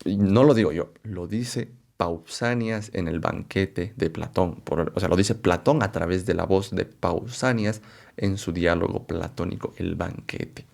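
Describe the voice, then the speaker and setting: A man presenting a philosophy lecture, unhurried and thinking aloud, often checking in with rhetorical questions and correcting himself as he goes. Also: low voice, vocal fry. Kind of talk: explanatory lecture to camera.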